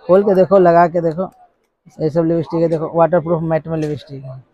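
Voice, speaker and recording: A man in his thirties working as a wholesale shopkeeper, showing goods and listing prices in a brisk, repetitive sales patter inside a crowded shop. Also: fairly high pitch, little pitch movement, highs cut off. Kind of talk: sales pitch to a vlogger. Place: crowded cosmetics shop, indoors.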